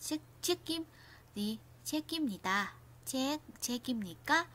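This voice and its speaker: A woman's voice: sits high, expressive, takes it slowly, fairly bright tone, a little hiss or hum. Woman teaching grammar, lots of restarts. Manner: repeats and restarts often, asks the viewers questions. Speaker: Korean language teacher. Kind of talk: explaining grammar in a lesson.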